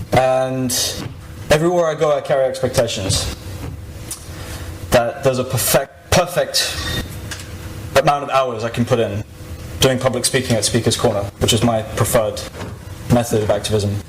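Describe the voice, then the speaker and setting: A man's voice: medium pitch, steady tone, normal speed, reverberant. Young man's informal podium speech, noisy recording. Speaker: activist giving a talk. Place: live event stage before an audience.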